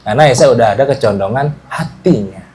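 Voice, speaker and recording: A man leads a casual religious study lesson for a small group, explaining things in a relaxed way and often checking that everyone follows. He talks fast in a mid-range voice.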